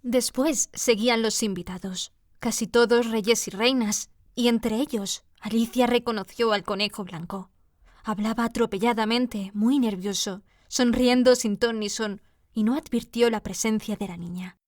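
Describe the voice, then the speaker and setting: A woman reads a classic children's tale aloud at an even, measured pace. Her voice sits slightly high for a woman, and the recording is close and completely dry. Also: no room sound. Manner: steady measured reading. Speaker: audiobook reader. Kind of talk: storybook narration.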